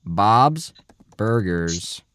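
A young man hosting a casual, goofy podcast chat, talking in a mock-serious, rambling way that often trails off quietly. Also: lowish voice, lively intonation, drawn-out words, no echo. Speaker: podcast host.

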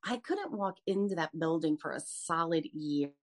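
A woman's voice: deep voice, expressive, moderate pace. A woman in her fifties, a podcast guest, earnestly telling her story of faith with frequent restarts. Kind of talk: personal testimony in an interview.

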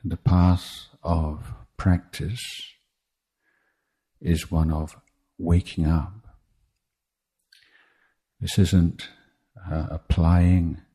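At a meditation retreat, a man guides a meditation talk in measured short phrases, pausing deliberately. His husky voice is rumbling low and mellow.

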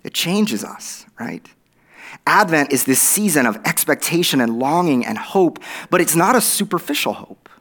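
At normal speed and with a slightly high, somewhat bright voice, a middle-aged Oklahoma preacher delivers a very animated sermon. He keeps it conversational in his Oklahoma accent, repeating phrases for emphasis and checking in with tags such as "right?" and "okay?".

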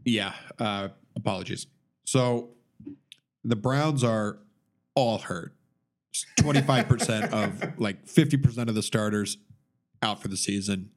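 A man's voice: fairly low pitch, measured pace, pauses often. A man co-hosting a sports podcast, chatting casually and cracking jokes. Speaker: podcast co-host.

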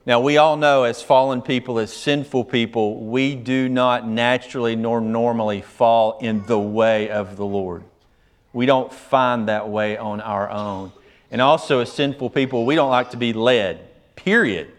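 Man preaching with slow emphatic phrases. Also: mid-range voice. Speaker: pastor. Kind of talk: sermon.

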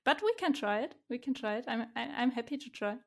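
Brief: German-accented woman guest, slightly high voice, cheerful, laughs easily, restarts sentences. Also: lively intonation, fast talker. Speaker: guest, community organizer. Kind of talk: casual interview chat.

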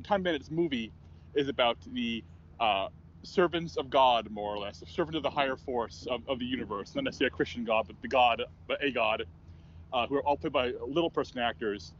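A man calling in over his phone from a rooftop, chatting casually about films, often stumbling and restarting words before warming up. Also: mid-range voice. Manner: halting, restarts words, then animated. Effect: talking over a phone line. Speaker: film editor, regular guest. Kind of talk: casual podcast chat about movies. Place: outdoors on a parking garage roof. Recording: dull lo-fi phone audio.

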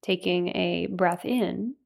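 A woman leading a guided meditation in a soothing, unhurried way, leaving gentle pauses between phrases. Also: lowish voice, creaky.

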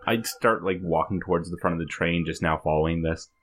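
A man's voice: low-pitched, fairly quick, slight background noise. A man playing a tabletop game, talking casually and asking questions. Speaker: player.

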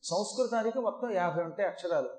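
A man with a fairly high voice delivers a devotional discourse on scripture. He tells it in an animated way, shifting his voice to dramatize the verses, and his voice carries with a roomy echo. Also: fast. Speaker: Puranic discourse speaker. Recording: echoey hall recording.

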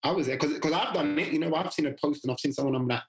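A man talking as a podcast guest about coaching fathers, animated and full of laughs, often acting out little quoted lines from other people. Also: fairly high pitch, very fast, poor audio. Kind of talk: casual interview chat.

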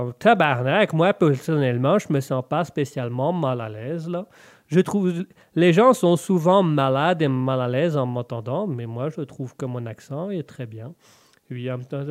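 A man's voice: a little high, lively intonation, moderate pace, pitched below the performer's own voice, natural voice. A man with a cold voicing a cheerful, cocky Québécois man in a put-on Québécois accent, playful and dropping local swear words. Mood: teasing. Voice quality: congested, stuffy. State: has a cold.

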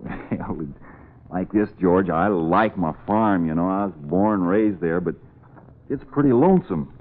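An actor playing a shy, earnest country pig farmer with folksy, hesitant politeness in a 1940s radio comedy. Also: male voice, low voice, lively intonation, unhurried. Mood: bashful, hopeful. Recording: muffled vintage radio recording.

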